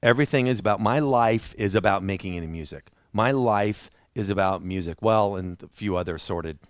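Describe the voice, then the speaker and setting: Guy preaching at church, low voice, laid back and self-deprecating, telling his story. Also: fairly quick, no room sound, studio quality. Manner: conversational, self-deprecating, with restarts. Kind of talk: sermon with personal testimony.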